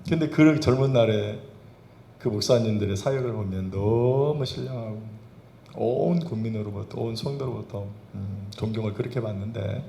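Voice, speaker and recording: A man's voice: on the low side, moderate pace, vocal fry, dark tone, slight background noise. A male pastor preaching a Sunday sermon, firing rhetorical questions at the congregation with emphatic bursts. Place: church sanctuary. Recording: roomy church reverb.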